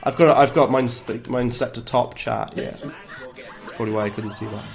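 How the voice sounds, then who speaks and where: During a live game stream, a man with a Welsh accent keeps things easygoing, saying hello to viewers, reacting to the action, and replying to chat. He has a middle-pitched voice with vocal fry and speaks at a moderate pace. Quiet game music runs behind him.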